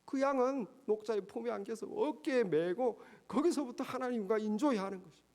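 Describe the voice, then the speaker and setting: A pastor preaches a sermon at a brisk pace, emphatic and packed with rhetorical questions. He swings between raised passages and quiet, low asides.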